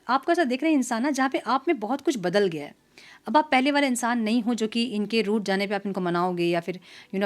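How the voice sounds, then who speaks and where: Chatty woman giving a tarot reading. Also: medium pitch. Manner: chatty, mixes English words into Hindi, frequent "so" and "theek hai". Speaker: tarot reader. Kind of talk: casual tarot reading monologue.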